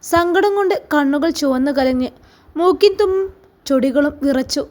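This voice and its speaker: A high-voiced woman reads a story aloud. Her delivery is expressive and dramatic. She narrates as a storyteller. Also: moderate pace.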